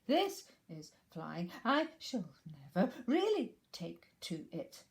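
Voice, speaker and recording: A woman voicing a small, timid, anxious piglet in a storybook reading, with a squeaky fretful manner. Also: huge pitch swings, slow pace, exaggerated voice. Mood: frightened.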